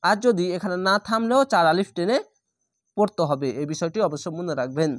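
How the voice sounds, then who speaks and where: A man teaching Quran reading step by step, patiently repeating each rule and slowly drawing out sample syllables. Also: sits high, expressive, no room sound, studio quality.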